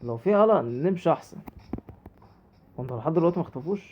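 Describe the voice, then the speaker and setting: A man's voice: fairly high pitch, lively intonation, very fast, muffled recording, a little hiss or hum. A man with an Egyptian Arabic accent giving chatty let's play commentary, talking to himself and his viewers as he plays. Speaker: gaming YouTuber.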